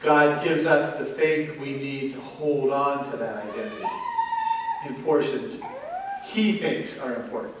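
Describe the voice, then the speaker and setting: A woman preacher giving a sermon, earnest and reassuring, with long pauses. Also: rumbling low, noisy background. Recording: echoey hall from far off.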